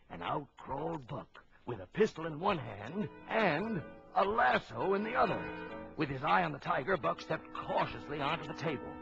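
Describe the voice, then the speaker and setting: A man with a rather high voice and some vocal fry plays an authoritative ship's captain narrating a suspenseful animal adventure. It comes from an old lo-fi children's story record with music playing behind him.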